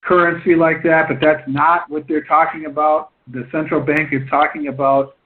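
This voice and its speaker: The host of this conference call, a man whose voice sits slightly high, speaks with a flat delivery over a thin, phone-like connection. His explanations run long and halting, and he keeps circling back to rephrase.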